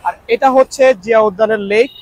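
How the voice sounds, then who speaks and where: High-voiced guy vlogging outside, noakhali accent, quick and jokey. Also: a little hiss or hum. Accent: Noakhali Bengali. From Noakhali, Bangladesh. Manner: playful, teasing banter. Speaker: travel vlogger. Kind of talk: casual street vlog chat. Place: outdoors at a street food stall.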